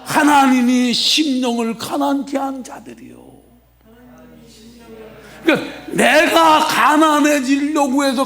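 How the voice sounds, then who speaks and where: A man preaching a Sunday sermon as senior pastor, emphatic, bursting into shouts and checking with the congregation. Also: very high-pitched. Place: church sanctuary.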